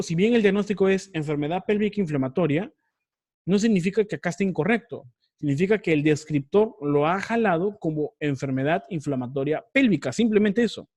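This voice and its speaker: A man teaches an online research class, walking through things step by step and frequently repeating or correcting himself. His voice sits high and has a darkish tone.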